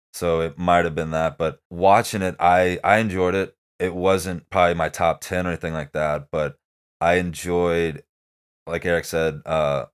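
A man with a very deep, smooth voice, chatting loosely about a film he enjoyed. He talks in a halting, meandering way, circling back and filling gaps with "um" and "like". The delivery is relaxed podcast conversation. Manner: rambling, halting, many fillers. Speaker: podcast movie reviewer. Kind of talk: casual chat.

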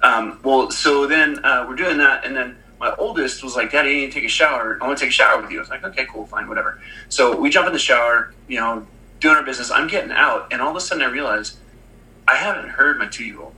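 Rambling bright-voiced man telling a story. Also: medium pitch, fast, rough recording. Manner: rambling storyteller with many fillers and restarts. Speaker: podcast co-host. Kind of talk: casual chat.

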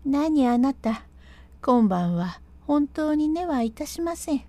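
A woman's voice: high voice, sing-song, slow, no echo, pitched above the performer's own voice, heavily acted. A woman voicing an eager young maidservant who coaxes a guest and answers her mistress with dutiful politeness. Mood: coaxing. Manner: bright coaxing servant's politeness.

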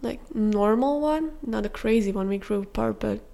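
Creaky-voiced young woman podcaster. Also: a little high, normal speed. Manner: candid, confessional, with soft fillers. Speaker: podcast host. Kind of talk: personal storytelling.

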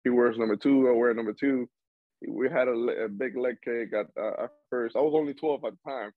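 A young man from Cuba speaks a little fast in a mid-range voice, recorded with no room sound on narrow, tinny audio. A baseball player and interview guest, he chats casually, rambling with many restarts and laughs.

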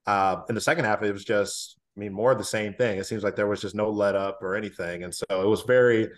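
A man's voice: lowish voice, steady tone, fast talker. A man, a former college basketball player, talking casually as a podcast guest with many fillers and restarts.

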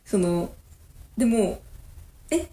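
A woman in her twenties, co-hosting a podcast and telling a story in casual chat, quick and animated. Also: medium pitch. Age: 20s. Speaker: podcast co-host. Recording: echoey room.

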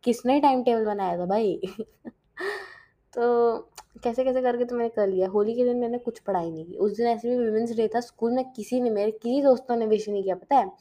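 A woman's voice: a little high, fairly quick, mellow. A teenage girl chatting casually in a diary-style vlog, mixing in English and often correcting herself mid-sentence. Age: teens. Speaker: vlogger.

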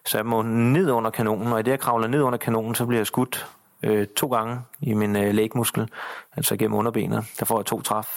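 A middle-aged man telling a personal combat story in an interview, halting with many fillers and restarts. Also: lowish voice, little pitch movement, vocal fry. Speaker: interview guest, soldier. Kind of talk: personal war account in interview.

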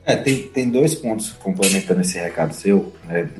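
A man's voice: low voice, expressive, normal speed, a little mellow. Guy w a bahia accent just chatting on a podcast, echoey room, faint music. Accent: Bahian Brazilian Portuguese. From Ilhéus, Bahia, Brazil. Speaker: podcast co-host. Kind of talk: casual chat. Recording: roomy echo, music behind.

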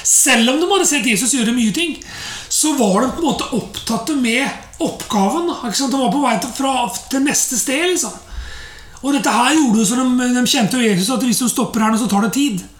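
A woman's voice: a little high, echoey room. A woman giving a conversational sermon, chatty and loose, full of fillers and rhetorical asides. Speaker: preacher.

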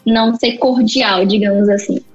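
A talkative woman with a Brazilian Portuguese accent chats as a podcast guest, her voice high and animated. The recording is dull and lo-fi. Faint music plays underneath. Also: normal speed. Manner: chatty, animated, many fillers. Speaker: photographer guest. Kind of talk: casual podcast chat.

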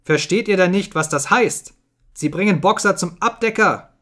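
A man voicing an old, cynical male donkey who shouts in a shrill, frantic voice. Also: moderate pace. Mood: desperate.

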